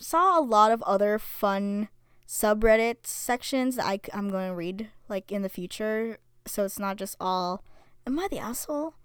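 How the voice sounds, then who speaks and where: Young female podcast host, chatty and filler-heavy, smooth voice, dry close sound. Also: medium pitch, dry recording. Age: young adult. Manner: chatty, many fillers, reads stories aloud. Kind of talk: casual solo podcast chat.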